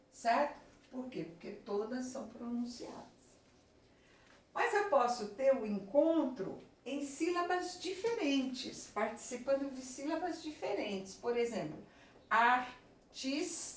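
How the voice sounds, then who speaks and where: Woman teacher, Brazilian Portuguese accent, slow careful delivery, fairly high voice, echoey classroom picked up from far off. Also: darkish tone, slight background noise. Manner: slow, deliberate, spells out examples and checks in. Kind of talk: classroom lesson at a whiteboard. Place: classroom with a board.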